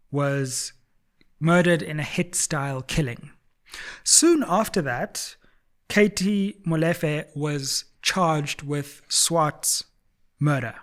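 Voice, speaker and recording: Male news-explainer host, South African accent, slightly high voice, emphatic and dramatic delivery. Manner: dramatic, emphatic, deliberate phrasing with stressed key words. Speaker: host of a news and politics show. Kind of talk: news explainer commentary to viewers.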